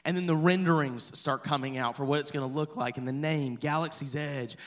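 A man in his thirties preaching in a loose, chatty way, joking with the congregation as he tells a story. His voice sits a little high for a man. He sounds like a pastor in a church. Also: brisk. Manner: chatty and playful, talks to the congregation. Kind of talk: sermon storytelling. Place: church hall.

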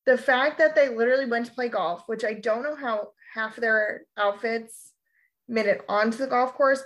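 A woman co-hosting a podcast in casual chat, sarcastic and animated, swearing freely. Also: fairly high pitch. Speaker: podcast co-host.

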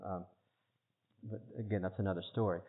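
A man's voice: low-pitched, steady tone, a little fast. A man explaining a religious argument in earnest, casual talk, stressing key words and often repeating himself. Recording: tinny phone-like line.

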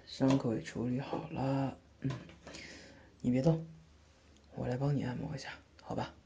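A man voicing a gentle, doting older brother who comforts and teases softly in a whispered role-play. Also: mid-range voice, little pitch movement, normal speed, vocal fry, muffled recording, slight background noise, close to an everyday voice. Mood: soothing. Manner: soft, soothing, coaxing, lightly teasing. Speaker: older brother tending a sister's wound.

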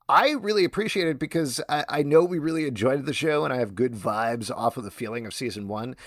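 A man's voice: mid-range voice, fairly bright tone, dry recording, clean studio sound. A man hosting a casual panel discussion, steering the talk and asking the others questions. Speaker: podcast host.

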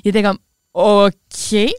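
Québécois woman podcast co-host, smooth clear voice, dry close sound, lively storyteller mixing in English. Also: mid-range voice, takes it slowly, no echo. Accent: Québécois French. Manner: mixes English words into French, animated storyteller. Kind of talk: casual storytelling chat.

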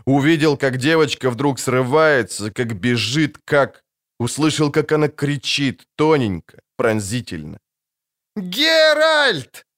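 Man giving a lively audiobook narration. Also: medium pitch, measured pace. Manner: expressive, lively reading. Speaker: audiobook reader. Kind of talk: scripted narration.

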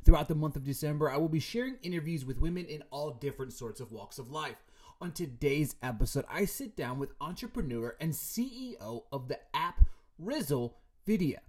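Mellow-voiced male podcast host. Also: on the high side, animated, brisk. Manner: friendly, rambling with restarts. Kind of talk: casual interview chat.

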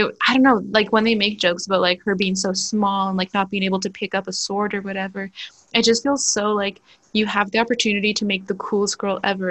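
A woman's voice: medium pitch, a bit bright. A young woman hosting a podcast in casual chat, talking loosely with lots of fillers and frequent laughter. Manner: chatty, laughs often, many "like" fillers. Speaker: podcast host.

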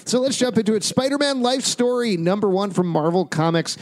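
A man's voice: high voice, expressive, brisk. A man hosting a casual comic book review chat, recorded in an echoey makeshift space with a big hall echo. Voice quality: echoing, from an improvised roomy space. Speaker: podcast host. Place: echoey makeshift space, not the usual studio. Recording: echoey room outside usual studio.

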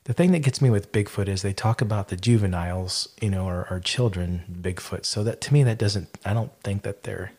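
A man's voice: lowish voice, a little fast, hardly any pauses, darkish tone, slightly rough. A man hosting a podcast, casually retelling eyewitness stories in a rambling way, with lots of fillers and restarts. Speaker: podcast host.

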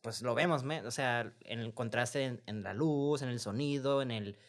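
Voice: mid-range voice, normal speed. A speaker with a Mexican accent in a casual film review chat, co-hosting with heavy slang and swearing. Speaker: podcast co-host.

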